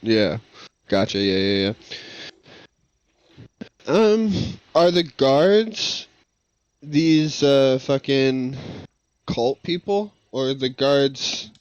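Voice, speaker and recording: A laid-back man chatting as a player in a tabletop game, speaking slowly. The recording is dull and dry, like a cheap lo-fi mic. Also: medium pitch, lively intonation, darkish tone, smooth, no room sound. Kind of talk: casual tabletop game talk.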